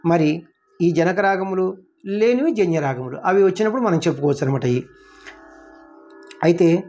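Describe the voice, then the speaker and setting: A man teaching music theory, explaining terms and reciting long lists of names in quick succession. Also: high voice, animated, warm tone, highs cut off. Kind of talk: Carnatic music theory lesson.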